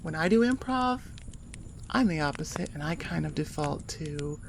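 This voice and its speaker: A woman's deep, gravelly, expressive voice at normal speed, with a little hiss or hum in the recording. She is an ASMR audio creator and host chatting casually with her listeners, rambling and self-deprecating.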